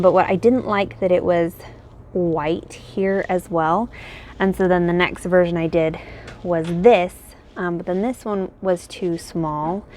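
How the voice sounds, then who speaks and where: A woman chats casually at home, thinking aloud and circling back with "um" and "like" as she walks through her crochet designs. Her voice sits a little low. A faint hum of room ambience lies under the recording. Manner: rambling and thinking aloud, many fillers. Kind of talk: casual chat. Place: home, indoors.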